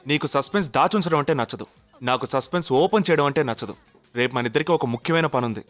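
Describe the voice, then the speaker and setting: An actor dubbing a deferential, sly young army captain who talks quickly and eagerly. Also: male voice, a little high, fairly bright tone, natural voice. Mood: coaxing. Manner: quick, eager, respectful sir-ing. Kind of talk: dubbed film comedy acting. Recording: dull film audio with music.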